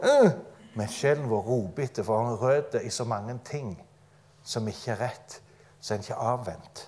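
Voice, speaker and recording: A man's voice: on the low side, a little mellow. A man giving an informal, conversational sermon to a gathered church congregation, mixing personal stories with light humor. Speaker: preacher. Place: church gathering before a live audience.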